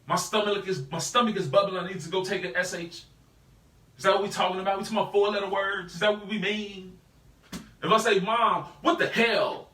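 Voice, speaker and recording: A man's voice: high-pitched, fast talker, roomy sound, recorded from a distance. A man teaching a live Bible study in a casual, slangy way, constantly asking "right?" to his listeners. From United States. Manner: animated, peppers talk with rhetorical "right?".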